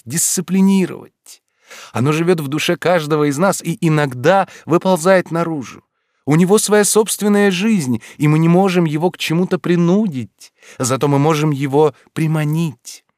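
A man's voice: on the high side, normal speed, a little mellow, dry recording, clean studio sound, voice pushed up, natural voice. A man voicing a dreamy, eccentric middle-aged male art teacher who drawls each word blissfully.

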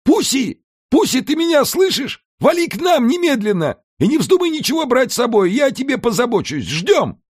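A man voicing an excitable, scheming male house brownie in an audiobook, brash and wheedling. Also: sits high, no room sound, studio quality, voice pushed up. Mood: excited. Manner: fast-talking, brash, wheedling. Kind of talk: audiobook character voice.

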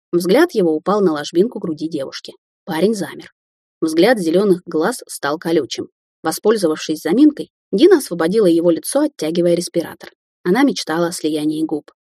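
A woman narrating an audiobook in a steady, even storytelling manner. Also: lowish voice, husky, no room sound, clean studio sound.

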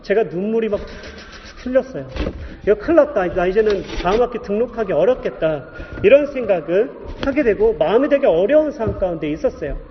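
A man in his thirties, a pastor preaching a testimony, telling his story in an animated way and acting out the voices in it. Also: high-pitched, fast talker, a little hiss or hum. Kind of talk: sermon testimony. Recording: dull echoey hall recording.

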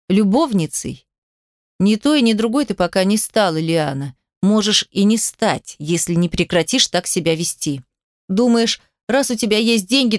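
A woman voicing a cold, domineering rich young man in an audiobook, lowering her voice to a taunting, mocking drawl. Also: no echo, clean studio sound, close to an everyday voice.

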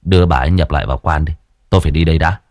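A stern young exorcist who speaks in low, clipped orders, as a storyteller puts him on. He gives short, blunt commands with no patience. The recording is dry and close. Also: racing, a little mellow, no room sound. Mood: curt. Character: gruff young male exorcist, curt and stern.

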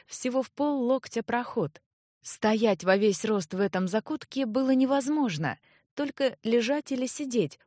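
This is scripted narration from a fantasy audiobook, read by a woman in a calm, even manner. Her voice is medium-pitched, and the sound is clean studio quality with no echo.

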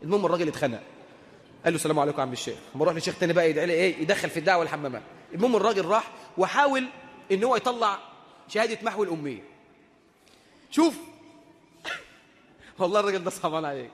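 A high-pitched man with an Egyptian accent preaches at a brisk clip, weaving a funny anecdote into his sermon. He quizzes his listeners and chuckles as he goes. His voice rings with a long hall reverb. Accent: Egyptian Arabic. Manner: humorous, lively storyteller who chuckles and asks the audience questions. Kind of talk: colloquial sermon with storytelling.

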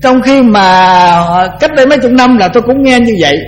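An older man, a Buddhist monk, giving a conversational dharma talk that often repeats words and slows down to chant verses. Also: extremely high pitch, slight background noise, rough recording.

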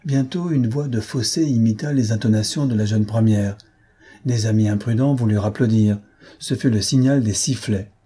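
A man reading a literary story aloud in a measured way, phrase by phrase. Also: fairly low pitch, dark tone, husky. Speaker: narrator.

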